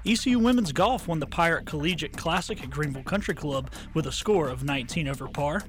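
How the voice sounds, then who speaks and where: A man reading a brisk scripted sports news update on radio. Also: a little high, animated, faint music behind. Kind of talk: read sports news bulletin.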